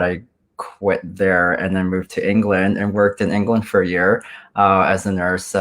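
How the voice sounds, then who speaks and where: A man's voice: low voice, a bit bright. A man in his forties, a guest on a video-call interview, talking casually with many ums and restarts. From Canada. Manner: hesitant, many ums and self-corrections.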